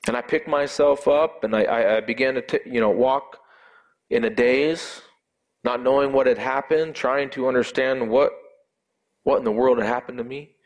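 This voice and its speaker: Man, personal testimony, earnest and emotional, halting delivery. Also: mid-range voice, fairly even intonation.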